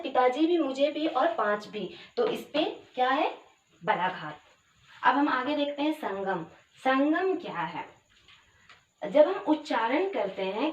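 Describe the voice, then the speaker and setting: A woman with a high voice teaches a grammar lesson, stretching words out slowly syllable by syllable and asking questions that she then answers herself. The sound is roomy and a little dull, with a faint hiss behind her. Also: recorded from a distance. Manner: slow, drawn-out syllable-by-syllable pronunciation with repeated words. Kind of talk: exam-prep grammar lesson.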